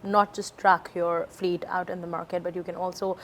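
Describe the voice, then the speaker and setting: A woman's voice: level tone, normal speed, a bit bright. A woman with a Pakistani accent, hosting a conversational interview. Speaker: interview host. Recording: faint rumbling background noise.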